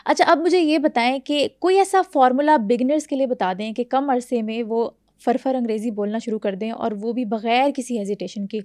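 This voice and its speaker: A woman's voice: on the high side, normal speed, hardly any pauses, darkish tone, dry recording, clean studio sound. A woman hosting an interview, attentive and asking questions. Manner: attentive, short affirmations. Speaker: interview host. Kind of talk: conversational interview.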